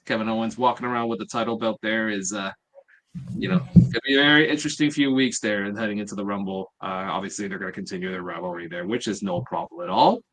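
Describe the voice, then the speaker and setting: A man's voice: fairly low pitch, fast talker, a bit bright. Rambling man recapping on a podcast. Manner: rambling, filler-heavy, many "uh"s. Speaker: podcast host. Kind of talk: casual recap chat.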